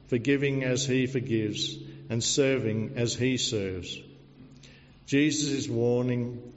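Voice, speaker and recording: A man, a pastor, preaching an earnest sermon and telling a story to illustrate it, in a measured way. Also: mid-range voice. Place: church. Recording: dull recording, long church reverb.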